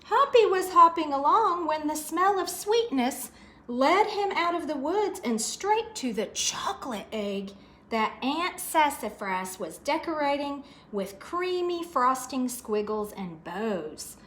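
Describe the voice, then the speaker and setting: A woman's voice: high-pitched, big pitch swings, takes it slowly, a bit bright, a little hiss or hum. A woman storyteller reading a picture book aloud expressively to children, adding asides about the pictures.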